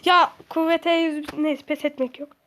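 A young woman with a high-pitched voice talks through a video game in casual commentary. She gets excitable, swears at the game and shrieks when things go wrong. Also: unhurried. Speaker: gaming streamer.

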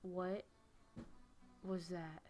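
Soft music plays behind a gaming video host who talks very slowly and flatly, her fairly low voice dark in tone. The young woman still chats and giggles at the creatures in her game, giving casual let's-play commentary from a room at home via a desk microphone.

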